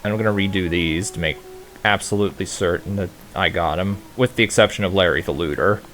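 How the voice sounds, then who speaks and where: A man's voice: low-pitched, brisk, fairly bright tone. A man casually commenting while playing a video game, rambling and thinking aloud. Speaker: let's play host. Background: game music.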